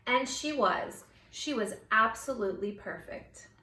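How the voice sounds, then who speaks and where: A woman reading a children's story aloud in an expressive, theatrical way, drawing out words for effect. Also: fairly high pitch. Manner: theatrical, with drawn-out words and changing character voices. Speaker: storybook reader. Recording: roomy echo, distant microphone.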